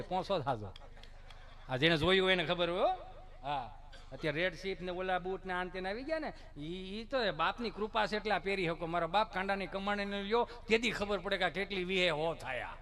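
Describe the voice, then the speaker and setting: A middle-aged man, telling a folk comedy monologue and mimicking mothers and children. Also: high-pitched. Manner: animated, mimics mothers and children with put-on voices. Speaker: stand-up storyteller.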